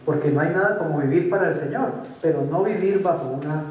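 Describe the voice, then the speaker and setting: A Colombian pastor preaching in a chatty, conversational way, often asking his listeners if things are clear. His voice sits a little high. The sermon rings through a large echoing hall, picked up from a distance with a faint ambience behind. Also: fast, a little mellow. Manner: conversational, asks for assent, acts out voices. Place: church hall. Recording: echoey hall, distant mic.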